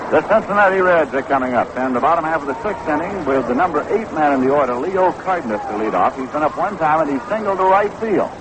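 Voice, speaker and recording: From an outdoor ballpark broadcast booth, an American man calls baseball play-by-play on the radio in 1960s commentary style, speaking fast with few pauses in a slightly high, lively voice. The recording sounds like a noisy vintage 1960s radio broadcast.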